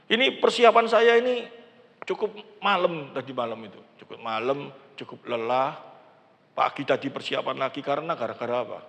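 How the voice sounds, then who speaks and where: An older pastor preaches in a big church, swinging his pitch widely as he acts out prayers. His voice is gravelly and bright. A long reverb from the hall trails behind every phrase. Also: normal speed. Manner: animated preaching, acts out quoted prayers, mixes in Javanese words. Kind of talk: sermon.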